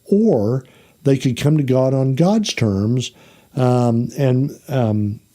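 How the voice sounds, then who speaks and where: Very dark-voiced man teaching a Bible lesson. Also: mid-range voice. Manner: explains plainly, checks in with the class by asking "okay?" and "all right?"; unhurried, with frequent fillers and self-corrections.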